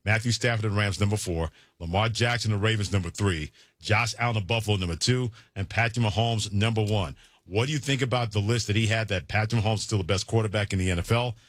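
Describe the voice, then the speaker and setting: A man co-hosting a sports talk radio show, with a smooth radio host delivery into a studio microphone. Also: fairly low pitch, fast, dry recording.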